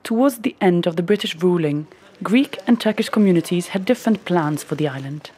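A woman giving scripted documentary narration in an even, explanatory manner. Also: on the low side, brisk.

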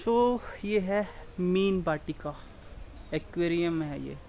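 A man in his thirties from India, chatting excitedly to viewers while riding a motorcycle on a mountain road and walking through a park, recorded on an action camera mic. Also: sits high, takes it slowly, vocal fry, lo-fi sound. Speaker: motorcycle vlogger. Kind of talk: casual travel vlog narration. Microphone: helmet or action camera mic. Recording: outdoor recording with road and wind noise.

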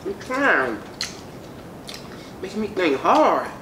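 A woman reviewing a chicken sandwich in casual chat, talking with her mouth full of chicken, animated and chatty toward viewers. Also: medium pitch, slow pace, roomy sound, far from the mic, noisy background. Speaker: food reviewer.

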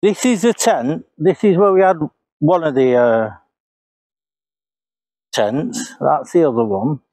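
A paranormal investigator with a fairly high, slow, mellow voice walks through woodland, retracing his steps aloud for a casual vlog. A clip-on lapel mic captures him with no echo.

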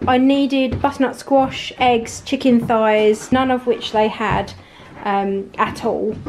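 A woman's voice: a little high, slight background noise. A woman vlogger chatting casually as she goes through her shopping at a kitchen table, listing items and prices with plenty of ums and likes. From England. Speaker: family vlogger. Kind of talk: casual grocery haul chat. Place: home kitchen table, indoors.

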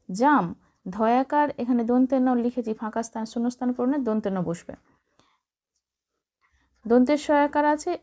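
A woman teacher from Bengal, slowly spelling out words letter by letter for young children and adding encouraging remarks. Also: sits high, darkish tone, highs cut off. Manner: slow, drawn-out letter-by-letter spelling with encouraging asides.

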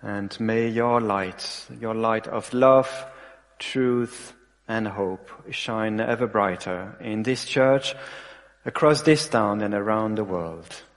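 A man leading a solemn, measured prayer in a church service at a pulpit microphone. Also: on the low side. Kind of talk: spoken prayer and service announcement. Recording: long church reverb.

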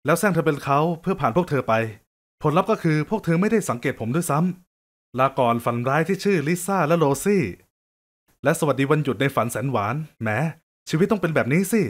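A man telling a scripted first-person story in a lively, joking, conversational way. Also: fairly high pitch, fast talker.

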